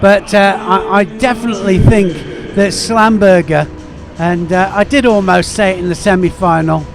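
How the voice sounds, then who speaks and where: High-voiced eager expert commentator man. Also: steady tone, gravelly, over music. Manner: eager, halting analysis with many fillers. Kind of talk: live sport commentary.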